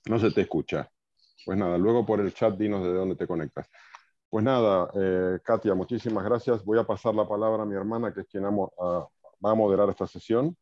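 A man hosting a book club video call, calling on each guest by name in a relaxed, welcoming way. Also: fairly low pitch, a little fast, no room sound. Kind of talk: online meeting introductions. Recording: dull dry video-call audio.

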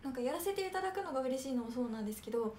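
A young woman from Kanagawa chats on a livestream, answering viewer comments in a polite, soft-spoken way with plenty of little fillers. Her voice sits high and light, and a faint hiss of background noise runs underneath. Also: lively intonation, racing. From Kanagawa, Japan. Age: young adult. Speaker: idol trainee hosting a livestream. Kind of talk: casual livestream chat reading comments.

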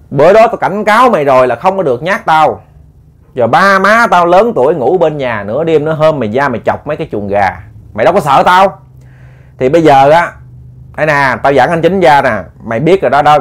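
A blunt rural man scolds and warns in a firm, fairly high voice, voiced by a male storyteller. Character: stern rural man warning a ghost.

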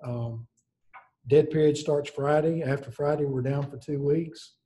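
A man's voice: fairly high pitch, steady tone, dark tone, poor audio. A man speaking earnestly on a video call in an office, often restarting his sentences. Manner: earnest, halting, many restarts. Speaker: school district director. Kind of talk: board meeting remarks.

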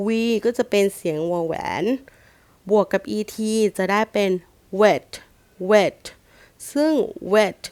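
A woman teacher with a Thai accent, sounding out letters and repeating words slowly in a phonics lesson for young children. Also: medium pitch, darkish tone, dry recording. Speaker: primary school English teacher.

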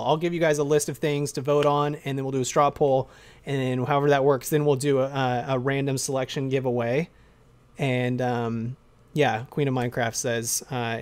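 A man with a hoarse voice chatting casually on a live stream, rambling and reading chat aloud. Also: mid-range voice.

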